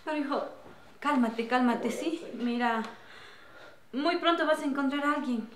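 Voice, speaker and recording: A woman's voice: high-pitched, measured pace, fairly bright tone, roomy sound, a little hiss or hum. A woman playing a snobbish, domineering middle-aged mother-in-law in an amateur drama skit, scolding and bossy. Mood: pleading.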